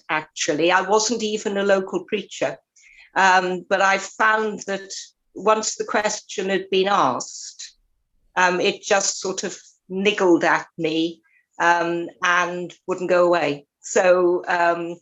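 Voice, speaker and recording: An older woman from Swansea, a retired minister chatting as a podcast guest, speaking thoughtfully with many pauses and restarts. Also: on the low side, a bit bright, poor audio. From Swansea, South Wales. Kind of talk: casual interview chat.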